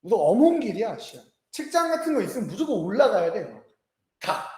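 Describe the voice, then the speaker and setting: A man in his thirties teaching a lecture, telling stories lively, joking with students and acting out voices. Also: high voice, a little fast, reverberant. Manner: lively storytelling, acts out voices, jokes with students. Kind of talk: animated classroom lecture. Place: classroom.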